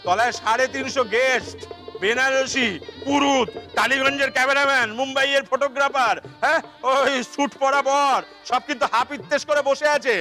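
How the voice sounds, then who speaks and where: Ranting Kolkata dad played by a man: high, bright, sarcastic, keeps shouting the same lines. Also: a little fast, soft background music. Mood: exasperated ranting. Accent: Kolkata Bengali. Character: frantic middle-aged father of the bride, money-obsessed. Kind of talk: theatre play reading.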